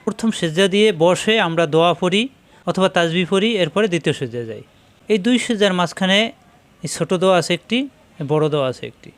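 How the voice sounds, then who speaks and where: A man teaching Quran recitation in Bengali, spelling out each syllable step by step and drawing out words slowly when he models them. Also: high voice, expressive. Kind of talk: step-by-step spelling and pronunciation lesson.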